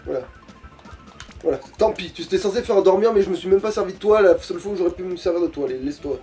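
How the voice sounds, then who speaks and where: High-voiced young man gaming, sweary. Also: fast talker, warm tone, faint music behind. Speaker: video game player. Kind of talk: casual, sweary gaming commentary.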